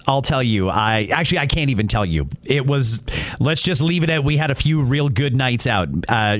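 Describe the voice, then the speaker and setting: This is a middle-aged man whose voice runs on the high side with a fairly bright tone. He's a podcast host offering opinionated, talk-radio-style commentary, emphatic but conversational.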